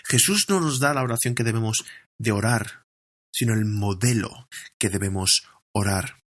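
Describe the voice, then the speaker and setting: Male pastor, sermon, earnest, drawn-out scripture reading, repeats phrases. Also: fairly low pitch.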